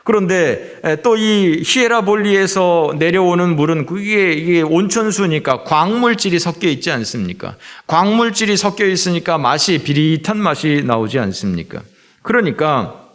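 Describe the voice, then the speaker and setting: Korean man preaching a sermon, many filler hesitations. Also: a little high. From Seoul. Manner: frequent filler sounds and drawn-out hesitations. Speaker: pastor. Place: church sanctuary.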